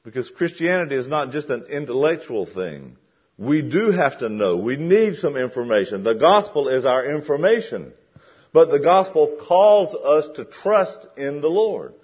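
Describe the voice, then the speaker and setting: A man's voice: a little high, sing-song, moderate pace, husky, dull audio. A man preaching a sermon in a conversational way that builds to emphatic questions.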